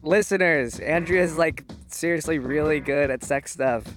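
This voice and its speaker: A man's voice: a little high, unhurried, a bit bright, faint music behind. A man with an electronically disguised voice, chatting casually and teasingly as an interview guest. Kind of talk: casual chat.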